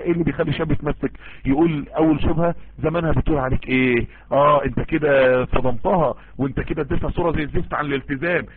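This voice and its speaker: An Egyptian man preaches and gives advice in a rapid, husky voice. He sounds earnest and emphatic and often repeats phrases for stress. The sound is thin and tinny, like a phone line. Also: on the high side. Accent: Egyptian Arabic. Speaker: preacher answering listener messages. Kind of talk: informal Islamic sermon and advice.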